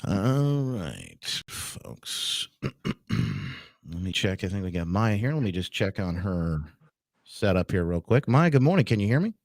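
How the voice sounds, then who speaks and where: Lively-voiced male talk radio host. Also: sits low, slow pace, vocal fry, no echo, clean studio sound. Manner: chatty, greets listeners by name. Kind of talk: casual talk radio chat. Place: radio studio. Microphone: studio microphone.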